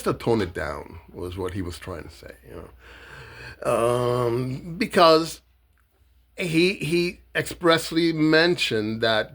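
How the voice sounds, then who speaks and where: A man from Miami giving a blunt, mocking, swear-heavy political rant to camera, loose and halting with fillers when he explains himself. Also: medium pitch, creaky, a bit bright. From Miami, Florida. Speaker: political satire vlogger. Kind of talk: profane political rant and monologue.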